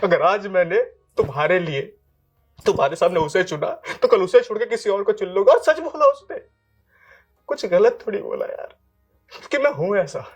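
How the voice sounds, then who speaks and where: An actor as a sobbing, begging husband. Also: male voice, high voice, husky, heavily acted. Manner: stammering, pleading, sobbing. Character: remorseful husband begging his estranged wife. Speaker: actor in a short drama. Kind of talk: melodramatic acting. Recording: faint music behind.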